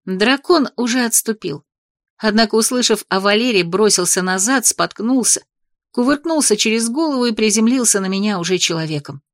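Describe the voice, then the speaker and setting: A woman narrating a first-person fantasy audiobook in a lively, expressive way. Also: a little high, a little fast, no echo, studio quality.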